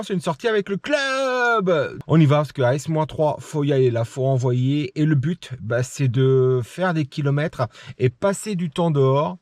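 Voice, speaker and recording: The recording is dry, and the man's voice is a little high with a darkish tone. He's a French trail runner doing hill repeats in the rain, chatting casually to the camera between climbs for his vlog.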